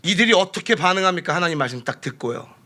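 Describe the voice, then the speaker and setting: Fervent high-voiced male pastor preaching. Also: animated, fast. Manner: fervent preaching, swinging between loud exclamations and hushed asides. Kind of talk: sermon. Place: church sanctuary.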